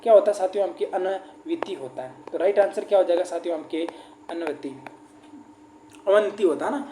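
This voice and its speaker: A man's voice: high voice, fairly quick, mellow. A male teacher leading an exam-prep grammar class, repeating rhetorical questions and calling his listeners friends. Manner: repetitive, keeps asking the class rhetorical questions; addresses listeners as friends and brother. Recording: roomy echo, faint background noise.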